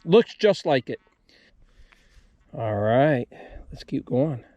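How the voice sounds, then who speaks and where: A man's voice: medium pitch, big pitch swings, slow pace, mellow, no echo, lo-fi sound. An American man hosting a metal detecting video outdoors, talking viewers through each step in a casual, folksy way. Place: outdoors at an old homesite.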